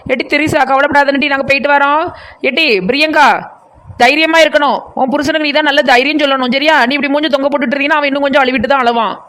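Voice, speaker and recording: Woman doing a rapid-fire nosy village aunty from the far south of tamil nadu, rambling and teasing nonstop. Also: high voice, fairly even intonation, fairly bright tone. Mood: bossy. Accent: southern Tamil Nadu (Kanyakumari–Tirunelveli). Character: chatty nosy village woman, blunt and comic. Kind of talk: cartoon comedy voice acting.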